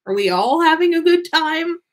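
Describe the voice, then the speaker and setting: In casual livestream banter, a woman podcast host reads fan fiction aloud. Her very high-pitched voice moves at normal speed, and she's playful, teasing, expressive and sweary.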